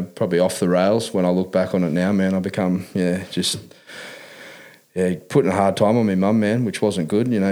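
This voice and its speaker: A man's voice: deep voice, a little mellow. An Australian man telling his life story in a casual interview, talking in laid-back working-class Aussie slang peppered with "man" and "mate". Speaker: interview guest.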